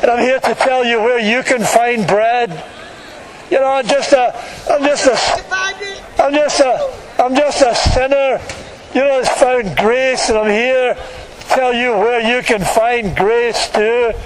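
A man's voice: very high-pitched, steady tone, a little slow. A man preaching in the open air to passers-by, exhorting them in a colloquial, repetitive way. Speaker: street preacher. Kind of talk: open-air evangelistic sermon, addressing passers-by. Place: outdoors in a public street. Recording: outdoor street recording with faint traffic noise.

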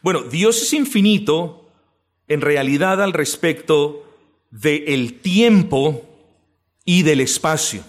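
A man preaching a doctrinal sermon, asking and answering his own questions and drawing out key words slowly for emphasis. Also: on the high side, animated. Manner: addresses listeners as brothers, asks and answers own questions. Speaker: pastor teaching doctrine. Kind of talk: sermon teaching.

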